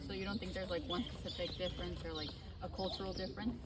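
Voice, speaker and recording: A woman's voice: fairly low pitch, steady tone, quick pace, very noisy. A young woman student interviewing someone in a friendly, informal way. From United States. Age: young adult. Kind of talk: casual street interview. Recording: far from the mic, crowd behind.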